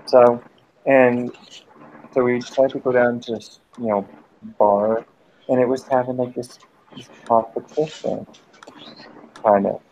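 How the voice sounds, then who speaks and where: A man spins a meandering anecdote over an online voice chat, full of restarts and swearing and quick to snap at anyone who cuts in. His voice sits at an ordinary male pitch. The headset audio is dull and lo-fi, with a faint hiss underneath. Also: fairly even intonation, a little mellow. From United States. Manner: rambling, profane, often stops to snap at interruptions. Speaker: group voice-chat host telling a story. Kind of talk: casual chat storytelling.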